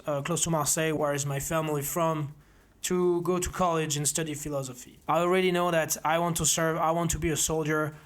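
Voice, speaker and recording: A man, founder of a self-defense academy and former army officer, earnestly telling his own story to camera. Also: on the high side. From Belgium. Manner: earnest, steady, measured delivery. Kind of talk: presenting to camera, personal story.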